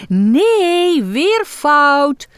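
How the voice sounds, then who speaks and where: A bossy little girl clown playing doctor, as a woman puts her on. She sounds eager and bright, her high voice bouncing up and down. Close and dry. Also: very animated, drawn-out words, no echo, full character voice. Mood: playful.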